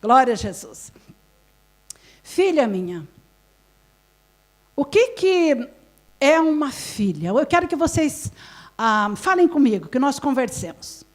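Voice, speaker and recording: A woman's voice: sits high, sing-song, slow pace, pauses often. A woman pastor with a Brazilian Portuguese accent, giving a live sermon at a women's conference. She asks the audience questions and laughs often.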